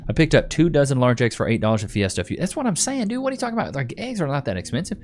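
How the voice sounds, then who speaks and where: A young Texan hosts a live stream, casually chatting and reading comments in a laid-back, rambling way, repeating himself and saying "bro." His medium-pitched voice is sing-song, very fast, and a little mellow.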